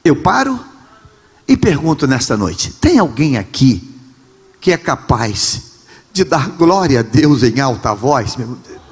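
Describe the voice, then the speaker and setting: A man preaching a Pentecostal sermon as pastor in a large church, with a Rio de Janeiro Brazilian Portuguese accent, impassioned, often shouting and repeating phrases. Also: medium pitch, sing-song, takes it slowly, breathy edge, long reverb tail.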